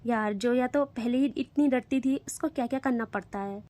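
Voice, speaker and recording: A woman narrating a romance in a relaxed, chatty manner, often turning to speak to her listeners. Her voice sits high. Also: moderate pace. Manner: chatty, addresses listeners directly. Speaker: storyteller. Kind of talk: casual story narration.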